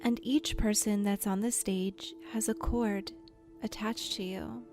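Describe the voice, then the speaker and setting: Over soft background music, a woman leads a guided imagery meditation. Her medium-pitched voice stays steady, soft, and soothing, sometimes growing breathy, and she lets her pauses linger.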